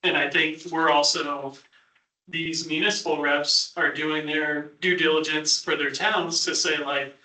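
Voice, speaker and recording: A man on a board, speaking in a measured, hedging way during a public meeting discussion. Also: a little high, fairly even intonation, bright, forceful tone. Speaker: board member. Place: meeting room. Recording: echoey meeting room from far off.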